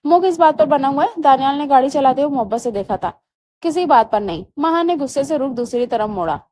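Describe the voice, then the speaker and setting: A woman narrating a romance novel aloud in a steady storytelling manner. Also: high-pitched, quick pace, a little hiss or hum.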